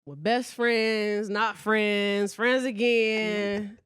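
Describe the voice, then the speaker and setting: A woman's voice: medium pitch, steady tone, very slow, fairly bright tone, clean tone, no echo, clean studio sound. A woman hosting a podcast in casual chat who talks bluntly, swears freely and teases her guests with affection. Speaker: podcast host.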